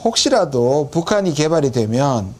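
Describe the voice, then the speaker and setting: A male academic serves as a field correspondent. His voice sits a little high, and he explains things conversationally with a touch of self-mockery. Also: very animated, moderate pace. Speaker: professor acting as field correspondent. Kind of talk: conversational on-site report and commentary.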